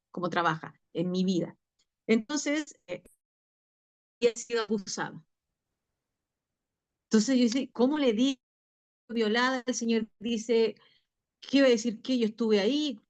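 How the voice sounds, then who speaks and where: Lady pastor telling a story at bible study, lots of ehs and restarts. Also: medium pitch. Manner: conversational storytelling with many fillers and restarts. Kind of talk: testimony in a Bible study talk.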